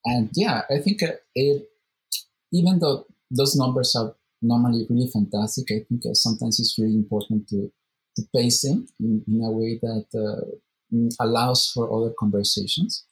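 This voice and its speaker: A man's voice: medium pitch, steady tone, normal speed, low-quality recording. A man who organizes a meetup, answering interview questions in a thoughtful, searching way and often repeating words as he finds his phrasing. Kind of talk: casual interview conversation.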